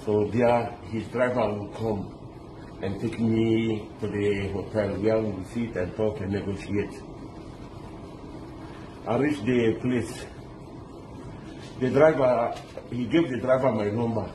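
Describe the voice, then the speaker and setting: Speaking at a fairly low pitch, a middle-aged man from Lebanon describes a kidnapping to an interviewer. His telling is animated and halting, full of restarts and sprinkled with pidgin. Loud street sounds, echo, and background noise fill the recording.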